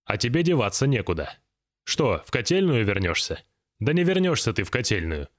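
A man voicing a gruff, irritable businessman boss who talks bluntly and coarsely in an audiobook reading. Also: medium pitch, very animated, brisk, close to an everyday voice. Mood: scolding.

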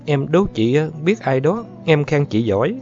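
A man doing a high excited young girl. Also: measured pace. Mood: eager. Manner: high, excited, breathless questioning. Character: impulsive young girl, eager and quick. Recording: dull lo-fi with faint music.

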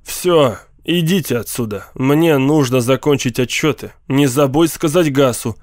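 A man's voice: medium pitch, unhurried, a little mellow, no echo, close to an everyday voice. A man reading a story aloud, voicing a cold, irritable husband and scientist who snaps curt orders at his family. The room is dry.

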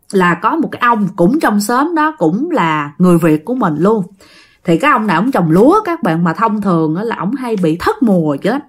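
A woman with a Southern Vietnamese accent tells a ghost story in a casual, chatty way, often turning to address her listeners. Her fairly high voice rises and falls in lively, expressive swings.

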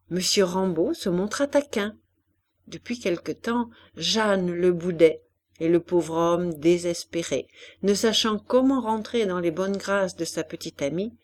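A woman reading a classic novel aloud as an audiobook, with expressive, varied delivery. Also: medium pitch. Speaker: audiobook reader. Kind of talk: expressive literary narration.

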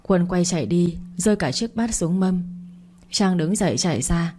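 Woman, story narrator, somber, steady, low pitch, warm tone. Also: moderate pace, a little hiss or hum.

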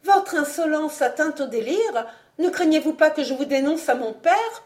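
A woman's voice: measured pace, darkish tone, natural voice. Woman voicing a proud indignant young noblewoman. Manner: accusing, high-strung.

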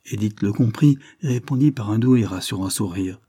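Husky low-voiced male narrator. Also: fairly quick, dark tone, no room sound, studio quality. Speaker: audiobook narrator. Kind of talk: scripted narration.

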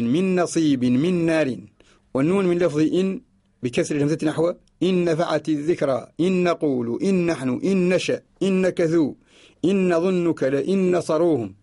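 A man with a Mauritanian Arabic accent giving a radio lesson, slowly recites each example and repeats it word by word to explain it. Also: a little high, a little mellow. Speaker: teacher of Quranic orthography. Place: radio studio.

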